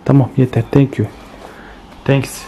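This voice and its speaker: A woman's voice: a bass voice, a little slow, slight background noise. A woman filming her children at home on a phone and chatting playfully to her viewers. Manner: animated, playful, teasing the child, addressing viewers as friends. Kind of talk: casual family vlog narration to viewers. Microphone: handheld phone camera.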